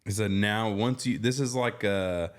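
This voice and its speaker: A podcast co-host from the American South chats casually and easygoingly, laughing often, in a fairly low, unhurried voice.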